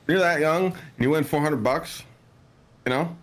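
A man's voice: on the high side, moderate pace. A man from Cleveland, Ohio, a streamer guest on a podcast, telling stories in a laid-back way with loose slang and chuckles. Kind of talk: casual storytelling.

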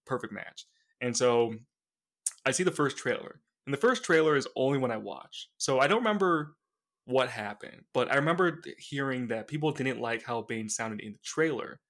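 A young man with a medium-pitched voice, speaking at a moderate pace, co-hosts a casual comics podcast. He tells stories with lots of energy, animatedly, slipping into mocking voices.

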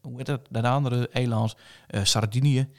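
A man with a broad eastern Dutch regional accent chats casually in dialect as an interviewer. His voice sits at a middling pitch. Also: steady tone, moderate pace. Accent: eastern Dutch regional (Low Saxon).

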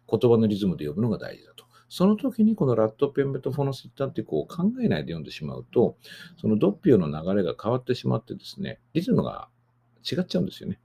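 A man's voice: medium pitch, gravelly, dark tone, husky. A man hosting a podcast lecture on singing diction, explaining rules patiently with frequent fillers. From Japan. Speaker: voice teacher and podcast host.

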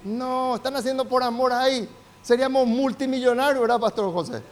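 High-voiced older Rioplatense pastor preaching. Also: male voice, a little fast, slight background noise. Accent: Rioplatense Spanish. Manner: preaching with rising, shouted emphasis and calls for amen. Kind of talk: sermon.

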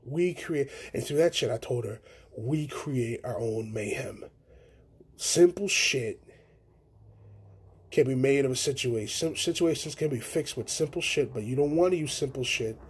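A young man hosts his own podcast, talking through a story in loose, profane slang. His voice has a gravelly fry and a deeply husky, raspy texture. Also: moderate pace. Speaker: podcast host. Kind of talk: casual solo podcast chat.

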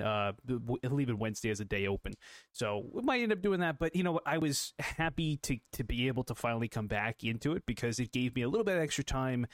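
A man's voice: medium pitch, no echo, clean studio sound. A young adult man hosting a solo motivational podcast, coaching listeners, repeating phrases and asking rhetorical questions. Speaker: podcast host.

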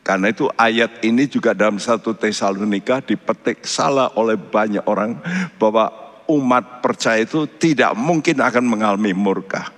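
A male pastor preaching a sermon, slow and emphatic, his voice swinging from soft to loud. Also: on the low side. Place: church. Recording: long church reverb.

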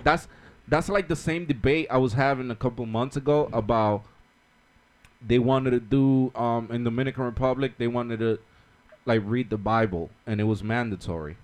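A man's voice: medium pitch, normal speed. A man co-hosting a casual podcast chat, joking around and laughing often in slangy talk. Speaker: podcast co-host.

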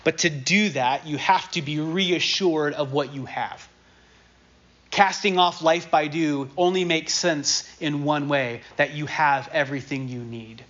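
Man preaching casually, slightly high voice. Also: unhurried, fairly bright tone. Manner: casual, conversational preaching with emphatic repetition. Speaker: pastor. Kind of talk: sermon. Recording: dull lo-fi sermon recording.

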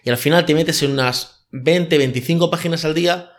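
Man, slightly high voice. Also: normal speed. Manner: hesitant, frequent "eh" fillers. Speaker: life coach. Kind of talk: casual podcast monologue.

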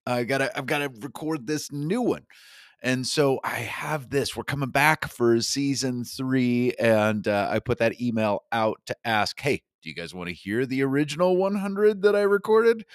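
Though a cold leaves his voice a little scratchy, a podcast host and coach stays upbeat, encouraging the listener directly and enthusiastically in this solo episode from his studio. He speaks in a mid-range voice at a moderate pace. The studio sound is clean, with no echo.

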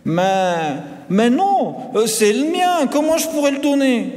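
A boastful, spoiled schoolboy, played by a man, speaking in a high, lively, insistent voice. He is proud and naive, pleading and bragging in turn. The voice rings out in a long, echoing hall reverb. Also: unhurried, exaggerated voice. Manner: eager, insistent, whiny.

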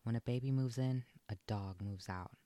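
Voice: medium pitch, moderate pace, warm tone, no echo, close to an everyday voice. A reader voicing a scruffy, streetwise male stray dog in a breezy, teasing way, as whispered role-play from a storybook.

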